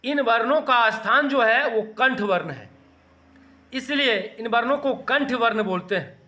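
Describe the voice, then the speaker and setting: A man teaching a grammar lesson, slowly sounding out letters and urging students to practise saying them. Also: extremely high pitch, lively intonation, bright, forceful tone. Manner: slow, deliberate, sounding out letters for students to repeat.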